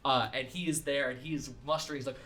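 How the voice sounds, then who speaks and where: A man narrating as game master of a tabletop game in a casual, animated way. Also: mid-range voice, quick pace. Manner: casual, animated, swears and laughs while narrating.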